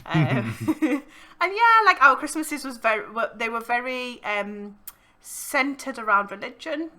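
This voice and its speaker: A woman's voice: a little high, sing-song, measured pace, sharp tone. A woman hosting a podcast, talking in a casual, conversational and giggly way. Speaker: podcast host.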